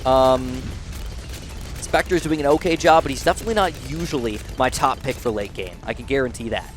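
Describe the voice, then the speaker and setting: A gaming channel host, a young man with a nasal, youthful-sounding voice, offers casual gameplay commentary. He thinks out loud fairly quickly at an average pitch, rambling and then bursting into excited exclamations. A faint hiss runs beneath the recording.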